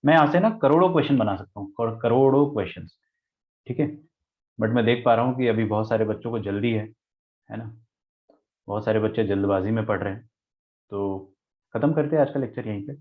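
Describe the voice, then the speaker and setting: A man's voice: on the low side, a little fast, long pauses. A male maths teacher giving an online lecture, mixing Hindi and English, explaining step by step and answering his own questions. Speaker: math teacher. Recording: tinny phone-like lecture audio.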